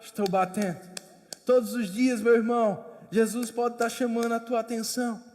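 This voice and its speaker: A man's voice: very high voice, fairly even intonation, normal speed, darkish tone, in a large hall. A man preaching a sermon as pastor, with emphatic, repetitive exhortation. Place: church.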